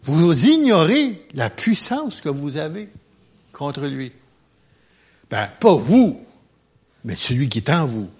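A man preaching a sermon as pastor, animated and emphatic, with joking asides. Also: fairly high pitch, a little slow, husky.

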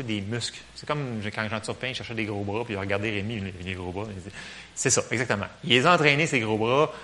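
A man with a Québécois French accent, preaching a casual sermon in a church, lively and joking, full of fillers. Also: mid-range voice, slight background noise.

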